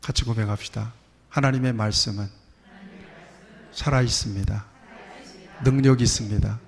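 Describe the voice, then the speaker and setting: A man's voice: medium pitch, steady tone, normal speed, gravelly. Man preaching in a reverberant church hall. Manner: conversational preaching, mimics quoted prayers, rhetorical questions. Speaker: pastor. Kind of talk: sermon. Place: church sanctuary.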